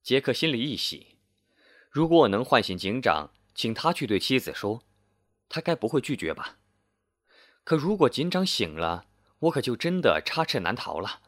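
Man, storyteller, scripted narration, measured delivery, dry close sound. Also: medium pitch, very animated, fairly bright tone, no room sound.

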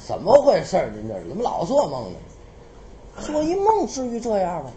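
A woman voicing a patient, henpecked old prince in a Beijing accent, muttering low and placating. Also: wildly swooping pitch, a little fast, heavy background noise.

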